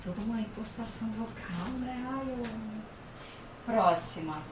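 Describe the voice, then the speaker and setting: A woman's voice: fairly high pitch, moderate pace. A woman hosting a podcast interview, chatty and enthusiastic. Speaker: podcast host, voice actress. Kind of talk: casual interview chat. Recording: roomy, distant mic, background noise.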